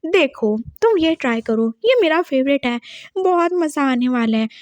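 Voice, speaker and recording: A woman storyteller acts out a sly young woman in a told drama story, coaxing and wheedling in a high, bright, expressive voice. The character sounds overly sweet and coaxing, spoken at normal speed and recorded dry and close with no echo.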